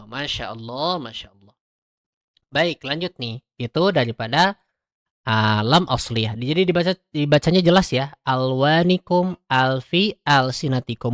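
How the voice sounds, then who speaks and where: A man teaching recitation rules in a relaxed, chatty way, asking rhetorical questions and chanting verses slowly and drawn out. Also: on the high side, dry recording, studio quality. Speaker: online class teacher.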